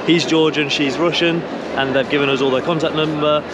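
A man's voice: on the high side, fairly even intonation, a little fast, very noisy. A man in his thirties with an English accent, chatting to a handheld camera as he walks through city streets and a busy public hall, explaining each step. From England. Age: 30s. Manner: chatty, explains steps to camera while walking. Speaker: vlogger. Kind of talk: casual travel vlog. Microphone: camera held at arm's length. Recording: background music.

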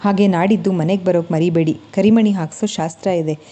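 A bossy older woman in an audio story, put on by a woman narrator. She talks briskly and commandingly, with a low, warm tone. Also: steady tone, natural voice.

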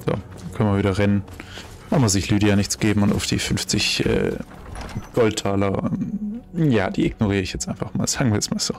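A man's voice: on the low side, animated, brisk. A German man giving casual let's play commentary, chatty and thinking aloud, exclaiming over loot as he finds it.

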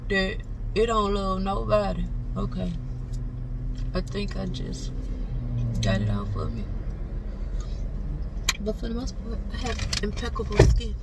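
Chatty woman vlogging over loud noise. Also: mid-range voice, vocal fry. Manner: chatty, talks straight to viewers. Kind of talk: casual vlog chat. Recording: far from the mic with loud background noise.

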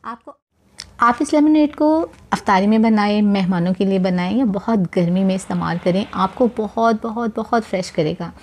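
Heard but not seen, a woman hosts her cooking channel with a mid-range voice at normal speed, chatting her way through a recipe. Her warm tone addresses viewers directly and encouragingly, punctuated by repeated religious blessings.

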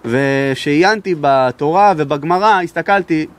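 A man's voice: fairly high pitch, clean tone. A man, a rabbi from Israel, giving a sermon and telling stories, sometimes raising his voice for emphasis. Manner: raises his voice to be heard, emphatic. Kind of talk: sermon with storytelling.

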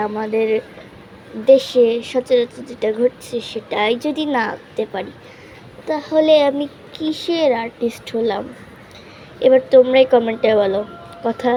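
A young woman hosting a drawing channel, chatting casually about her painting at home and often correcting herself, sometimes speaking softly. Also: high-pitched. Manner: chatty, self-correcting, drops to hushed voice. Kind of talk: casual drawing tutorial narration. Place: home room. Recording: faint background noise.

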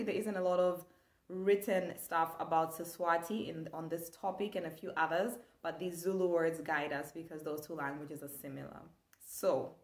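Her voice sits on the low side and sounds roomy as this young woman from Zambia runs an online language lesson indoors in a small space. She teaches with enthusiasm, staying animated and gesturing a great deal.

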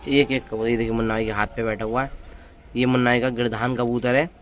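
A pigeon-keeping vlogger with a mid-range, level voice talks fast while filming on a phone in an open-air courtyard full of pigeons, which coo and flutter around him. He gives casual show-and-tell narration, calling viewers friends, on a muffled recording with a little hiss or hum.

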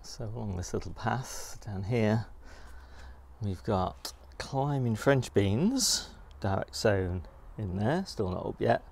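Expressive yet understated, a middle-aged man with a lowish, somewhat mellow voice walks slowly through a garden, musing aloud in an unscripted vlog tour. Clear outdoor sounds are audible behind him.

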